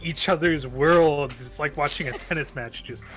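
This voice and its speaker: A man's voice: a little high, normal speed, over music. A man playing a tabletop game, cracking jokes and swearing freely. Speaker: player.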